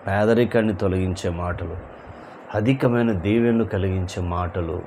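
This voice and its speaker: Male pastor, slow deliberate sermon delivery, faint noise behind. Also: low voice, vocal fry, a little mellow. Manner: preaching with repeated rhetorical questions and sudden emphatic rises. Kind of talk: evening sermon.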